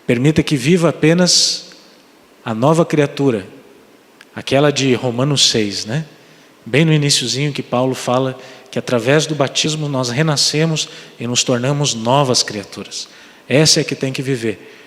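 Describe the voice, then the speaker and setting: A man's voice: mid-range voice, moderate pace, fairly bright tone, big-room sound. A man preaching as pastor, making an earnest appeal to his congregation and then leading a prayer in a church. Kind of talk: sermon and prayer. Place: church sanctuary.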